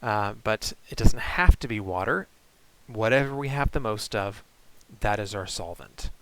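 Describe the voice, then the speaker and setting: A man teaching chemistry in a recorded online lecture, explaining in a relaxed way with frequent fillers. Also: on the low side, rough recording.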